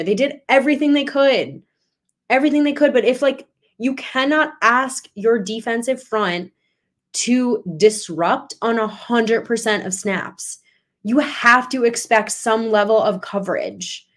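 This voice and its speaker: With a fairly high, unhurried voice, a young woman hosts a sports podcast. Her casual talk turns animated, building to emphatic points.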